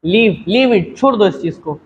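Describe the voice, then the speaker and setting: A man's voice: high-pitched, expressive, normal speed, dull audio. A man teaching English pronunciation, saying each word over and over and contrasting it with common wrong versions. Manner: repeats each word many times, correcting mispronunciations. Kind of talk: pronunciation lesson.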